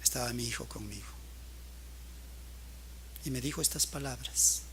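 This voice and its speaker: A man preaching a sermon who shifts between quiet storytelling and loud, emphatic appeals. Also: medium pitch, normal speed, a little hiss or hum. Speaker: pastor.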